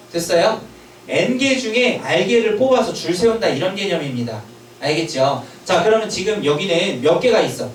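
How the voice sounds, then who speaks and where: A man with a high, animated voice leads a math lesson and keeps firing checking questions at his students. Now and then he scolds them sharply. He sounds distant in an echoey room, with faint ambient noise behind him. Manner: lively, emphatic delivery, sometimes scolding. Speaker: math teacher. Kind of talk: classroom math lecture.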